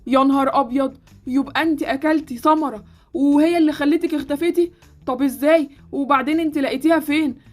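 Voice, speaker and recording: A woman voicing a loud, excitable gamer boy with an Egyptian Arabic accent. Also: sits high, fast talker, soft background music, close to an everyday voice. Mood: alarmed. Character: boy Sultan, gamer and brother figure.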